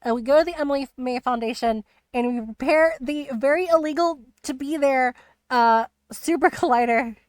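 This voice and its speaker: A woman streamer chatting casually about a video game, rambling and animated with lots of fillers. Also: high-pitched, normal speed, dry recording. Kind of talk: casual spoiler chat on a live stream.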